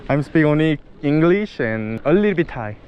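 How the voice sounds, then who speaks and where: A man's voice: on the high side, expressive, normal speed, muffled recording. A Korean man with a Korean accent, a travel vlogger chatting in friendly, simple broken English. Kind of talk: casual chat. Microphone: action camera mic. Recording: outdoor street noise.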